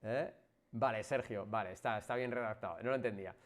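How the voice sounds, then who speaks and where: A man from Spain with a Spanish accent, a physiotherapist chatting casually with viewers on a live stream, energetic and emphatic, jumping from loud bursts to soft asides. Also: lowish voice, fast.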